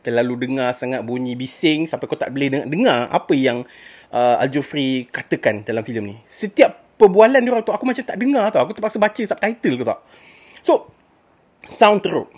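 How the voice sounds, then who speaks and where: Animated husky Malaysian woman ranting. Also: extremely low pitch, brisk. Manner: exasperated, ranting, mixes in English phrases. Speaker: movie reviewer. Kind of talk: casual spoken movie review.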